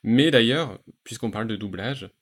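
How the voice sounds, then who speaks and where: Low-voiced man in casual chat. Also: normal speed. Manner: enthusiastic, hesitant with many fillers. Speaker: podcast host reviewing animated series.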